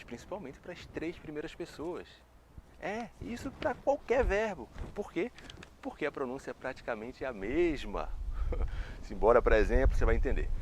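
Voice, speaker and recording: A Brazilian man with a Brazilian Portuguese accent talks through a casual lesson in a middle-pitched voice. His pitch rises and falls in an animated way, and he says each example word twice. A faint noise sits under the recording. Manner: lively, chatty, repeats words for practice. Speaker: French teacher.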